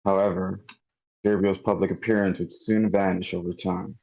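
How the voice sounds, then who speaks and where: A well-spoken male narrator in his late thirties, read by a man at a table read, telling events in a measured, formal tone. His voice is very low and dark, with a husky grain. It comes through dull, lo-fi online call audio. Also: little pitch movement. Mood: solemn. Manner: measured, formal documentary-style delivery. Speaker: volunteer reader at a script table read. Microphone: computer mic in an online meeting.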